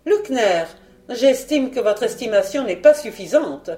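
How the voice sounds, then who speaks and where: A woman's voice: on the high side, expressive, unhurried, warm tone, echoey room, soft background music. A woman voicing an elegant, scheming female villain in a storybook reading, speaking in a dry, implacable, ironic way. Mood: icy.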